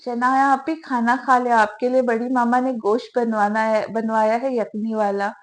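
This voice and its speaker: A woman's voice: fairly high pitch, flat delivery, natural voice. A woman voicing a shy young woman in a novel reading, speaking timidly and falteringly.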